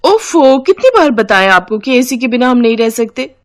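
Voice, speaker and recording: Brief: woman playing a loud whiny sister-in-law, high and lazy. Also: animated, fairly quick, close to an everyday voice.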